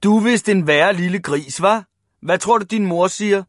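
A man's voice: high-pitched, fairly bright tone, no echo, studio quality, pitched above the performer's own voice. A man voicing mocking big schoolboys who tease a smaller boy. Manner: jeering, mocking.

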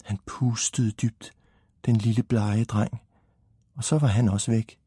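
A man reading a children's story aloud in a calm, measured narration. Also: lowish voice, breathy edge, no echo, studio quality.

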